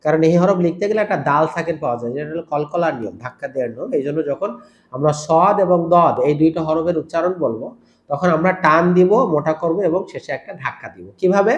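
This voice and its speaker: A man teaching Quran letters step by step, patiently repeating each sound in a slow, drawn-out way. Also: a little high, lively intonation, roomy sound, lo-fi sound. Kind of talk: step-by-step recitation lesson.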